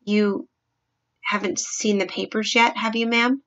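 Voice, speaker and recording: A woman's voice: medium pitch, steady tone, a little slow, a bit bright, highs cut off, lightly acted. A woman voicing an anxious, deferential middle-aged maid for a storybook. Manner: deferential, fretful.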